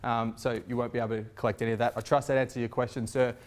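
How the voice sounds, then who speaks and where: A man's voice: mid-range voice, level tone, rapid-fire. A man with an Australian accent, speaking as an auctioneer, projecting a formal property address to a gathered crowd. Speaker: novice auctioneer in a competition.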